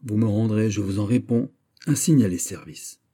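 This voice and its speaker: A man voicing a proud, menacing English duke who speaks forcefully and challengingly, in a storybook reading. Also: on the low side, moderate pace, natural voice.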